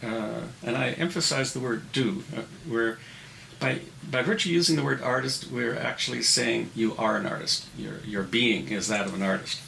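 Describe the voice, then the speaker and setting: A man interviewing an artist, putting his questions in a halting, tentative way. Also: mid-range voice, creaky, pushed and bright. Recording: roomy echo, faint noise.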